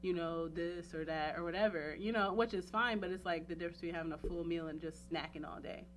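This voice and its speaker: A talk show guest with a lowish voice and quick delivery rambles emphatically in a candid, casual chat about her personal life. She keeps checking in with "you know what I'm saying," and slight background noise can be heard.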